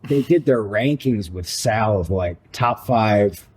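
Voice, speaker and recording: A man's voice: on the low side, expressive, slow pace, breathy edge. A man co-hosting a sports podcast, rambling and telling stories in casual chat. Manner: rambling, storytelling, full of fillers. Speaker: podcast co-host.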